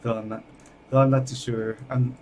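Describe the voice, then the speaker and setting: An older man from Hawaii, chatting casually and haltingly while streaming a game from his home computer. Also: medium pitch, noisy background. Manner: halting, restarts mid-sentence, relaxed. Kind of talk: casual live-stream chat while gaming.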